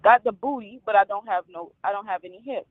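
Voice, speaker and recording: A woman in her twenties, calling in to a live talk show and speaking candidly, often halting and trailing off. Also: mid-range voice, no echo. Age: 20s. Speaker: caller. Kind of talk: call-in talk. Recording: tinny phone line.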